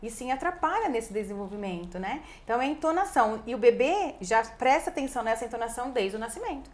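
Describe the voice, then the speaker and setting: A speech therapist guest with a Brazilian Portuguese accent and a voice on the high side explains things in a lively, chatty way. She acts out parents' voices and often ends her sentences with a quick "né" in this casual explanatory conversation.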